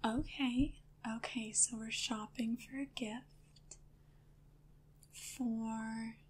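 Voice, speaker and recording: A woman playing a friendly shoe store clerk in a whispered role-play, soft, gentle and attentive. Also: on the high side, fairly even intonation, extremely slow, slightly rough, heavily acted. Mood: gentle, helpful.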